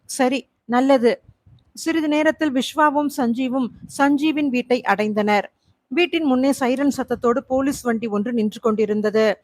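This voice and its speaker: A young adult woman narrating an audiobook thriller in a steady storytelling manner. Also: high voice, moderate pace. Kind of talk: scripted narration.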